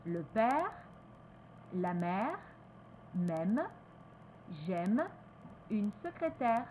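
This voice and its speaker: A woman with a French accent teaching pronunciation, repeating each word slowly and switching between French and English. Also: medium pitch, very animated, a little mellow, a little hiss or hum, rough recording. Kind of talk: slow, careful pronunciation lesson.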